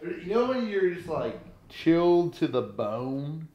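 Man, thirties, drawl, relaxed joking chat, living room, camera mic. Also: a little high, slow pace, lo-fi sound. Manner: laid-back, joking, excitable. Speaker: vlog host, pro angler. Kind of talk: casual chat. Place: living room at night, indoors.

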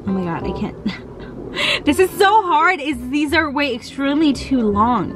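A woman's voice: sits high, very animated, a little slow, over music. A young woman in her twenties chatting casually in a vlog, giggly and full of "like", filmed on a handheld phone. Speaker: beauty vlogger. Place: in a car and out on errands.

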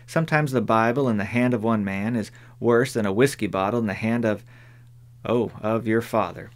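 A man voicing a sharp-tongued older woman neighbor in an audiobook, dry, firm and plain-spoken. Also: lowish voice, moderate pace, natural voice. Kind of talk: audiobook character voice.

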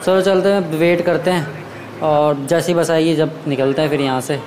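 In a casual travel vlog, a young Indian vlogger speaks to camera at normal speed with a fairly high pitch and fairly even intonation, gesturing as he chats. A phone camera at arm's length captures him on a busy, hot summer roadside and in a small home room, giving echoey audio with loud street noise and traffic.

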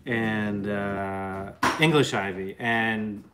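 A man's voice: on the low side, steady tone, very slow, over music. A man in his late thirties chatting casually on a home live stream, joking and reading viewer comments aloud. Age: late 30s. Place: bright living room at home. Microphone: phone camera close up.

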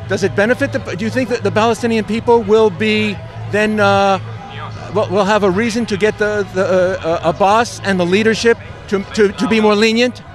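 A male interviewer asking long, halting questions with many restarts. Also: high voice.

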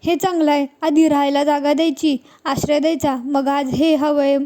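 A woman's voice: sits high, little pitch movement, moderate pace, mellow, natural voice. A woman voicing a haughty rich matriarch who speaks in a curt, scolding way. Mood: scornful.

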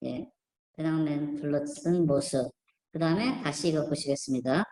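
Low-voiced woman rambling in an echoey room. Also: normal speed, warm tone. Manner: rambling, many fillers and restarts; skeptical, picking apart images on screen. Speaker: online channel host. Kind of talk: casual spoken commentary.

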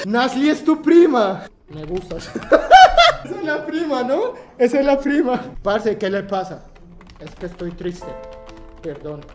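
A young man hosting a comedic reaction vlog, talking in an animated way, laughing often and shouting in surprise. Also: high voice, a little slow, pauses often. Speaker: YouTuber. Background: background music.

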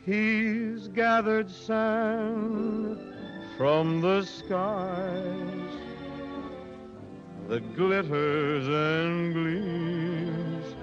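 An actor playing a gentle young man who croons a soft lullaby to a baby, on a dull old 1930s film soundtrack with an orchestra. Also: sits high, fairly even intonation, extremely slow, over music. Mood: tender.

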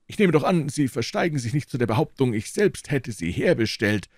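A man voicing an older, hostile male professor with a high, screeching voice and a sharp, agitated manner, in an audiobook reading. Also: sing-song, fairly quick, no room sound, studio quality. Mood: suspicious. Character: hostile old male professor, shrill and suspicious.

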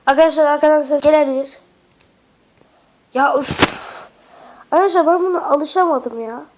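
A Minecraft tutorial YouTuber, a woman with a high-pitched voice, narrates a casual game tutorial at a moderate pace on a low-quality recording. Slightly sick and coughing now and then, she is chatty and hesitant, often calling her viewers friends.

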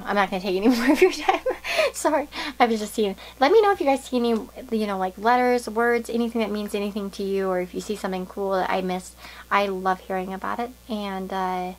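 A woman's voice: medium pitch, poor audio. A woman giving a casual pick-a-card tarot reading to viewers, musing and thinking aloud in a meandering way.

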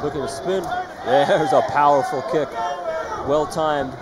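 A man's voice: on the high side, measured pace. A man giving live play-by-play commentary on a fight. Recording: loud crowd noise behind commentary. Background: loud arena crowd.

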